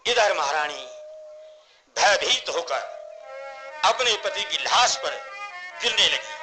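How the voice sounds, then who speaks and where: A man's voice: sits high, lively intonation, takes it slowly, pushed and bright, faint music behind, rough recording. A middle-aged man tells a devotional katha in a declamatory way, repeating phrases for emphasis. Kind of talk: devotional katha narration with sung laments.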